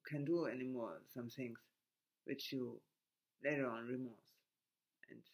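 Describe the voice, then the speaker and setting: Reflecting in a monologue, a man from Germany talks haltingly in his German accent, with many restarts and broken grammar. His pitch sits in the middle range.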